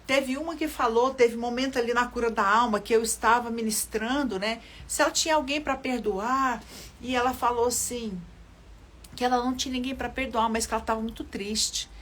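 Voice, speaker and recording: A woman's voice: on the high side, steady tone, a little fast, a bit bright. An older woman from Brazil preaching in a livestream sermon, earnestly addressing viewers and repeating phrases for emphasis. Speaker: children's ministry leader.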